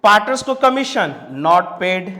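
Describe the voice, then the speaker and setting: A man's voice: sits high, animated, a little slow, bright, forceful tone. A man from India teaching a commerce class, asking his students questions and repeating each point, with English terms mixed into his speech. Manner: mixes English terms into Hindi. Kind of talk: classroom lecture. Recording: roomy echo.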